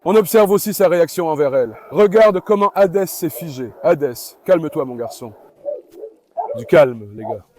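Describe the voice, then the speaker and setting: A man's voice: fairly high pitch, animated, moderate pace, a little mellow, a little hiss or hum. A man vlogging on his farm, chatting to viewers and calling and coaxing his dogs. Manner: coaxing, calls to the dogs while talking to viewers. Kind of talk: casual vlog commentary.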